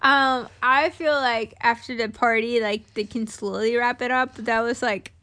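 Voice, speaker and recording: Woman cohost, kinda high voice, giggles a lot, picks apart the movie. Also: fairly even intonation, measured pace, bright, forceful tone. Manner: laughs often, teasing, critical. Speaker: podcast co-host. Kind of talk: casual chat about a movie.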